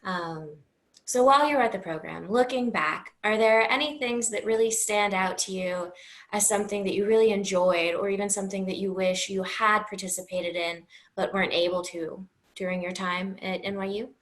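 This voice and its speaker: A woman's voice: medium pitch, steady tone, moderate pace, a bit bright. A young woman interviewing an alumna, friendly, with frequent hesitations. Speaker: student interviewer.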